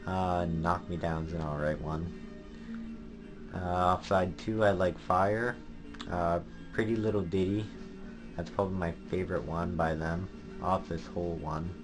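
Speaking at a measured pace over music, a young man with a low-pitched voice records a video diary. This vlogger, a teenager or young adult, sits in a small bedroom at home holding the camera at arm's length, rambling casually and hesitantly with a flat delivery.

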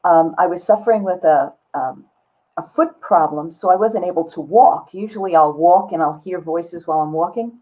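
An older woman artist with a lowish voice speaks at a moderate pace, candid and casual, as a guest in a reflective video-call interview. She's indoors in a home studio lined with books, and the recording has slightly dull video-call sound.

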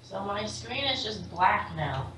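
A woman's voice: medium pitch, animated, slow pace, fairly bright tone. A woman chatting casually while gaming online, recorded roomy and distant with noise. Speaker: gamer playing with a friend. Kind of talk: casual chat during online game.

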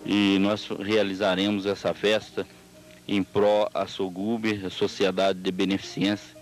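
A middle-aged man giving a formal, measured promotional interview into a handheld microphone. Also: deep voice, monotone, faint music behind, rough recording. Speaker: rodeo festival organiser being interviewed. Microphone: handheld interview microphone held by interviewer. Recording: old 1990s videotape TV recording.

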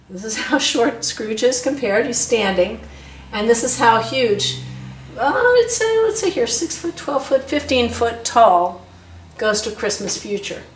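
Enthusiastic woman in an echoey room. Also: medium pitch. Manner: enthusiastic, with frequent fillers. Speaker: theatre writer-director. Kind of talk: casual show-and-tell narration. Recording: echoey room, voice a bit far from mic.

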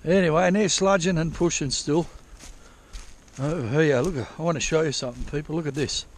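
A prospecting vlogger rambles through a walkthrough of old diggings outdoors, correcting himself and casually swearing, recorded on a head-mounted action camera. His voice is fairly high and brisk.

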